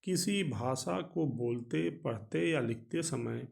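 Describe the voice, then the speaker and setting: A man teaching a grammar lesson, explaining step by step in a measured way with frequent pauses. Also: mid-range voice, lively intonation, gravelly.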